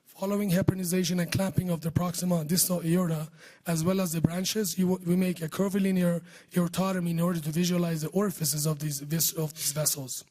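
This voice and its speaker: A man with a hoarse voice that is giving out, speaking close to the microphone as he presents surgical research in a scripted talk. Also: high voice, level tone, quick pace, darkish tone. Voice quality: husky voice giving out. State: hoarse, losing his voice. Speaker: surgeon presenting research at a medical conference. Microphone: speaking close to a podium microphone.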